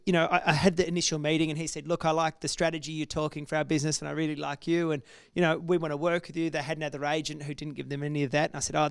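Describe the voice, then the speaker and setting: A business owner speaks candidly to an audience, restarting his sentences as he goes. His voice is gravelly yet smooth, pitched a little high, and the sound is dry and close. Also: no echo. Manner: candid storytelling, many restarts. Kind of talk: casual talk to an audience.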